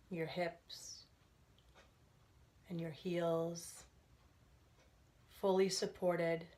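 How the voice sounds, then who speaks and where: A meditation instructor with a fairly low-pitched voice walks listeners through a guided relaxation. She sounds gentle and soothing, and her phrases come slowly with pauses.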